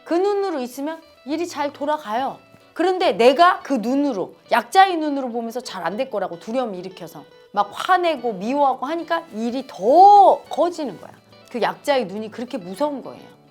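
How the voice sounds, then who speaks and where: Middle-aged woman, spiritual teacher giving a talk, high and very lively voice, acts out the voices she quotes. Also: moderate pace, soft background music. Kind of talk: dharma talk.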